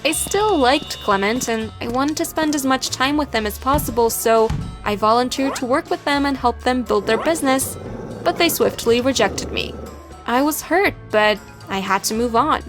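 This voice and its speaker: A young woman tells an animated story in a lively, scripted narration. Her voice sits a little high, with soft music under it. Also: normal speed.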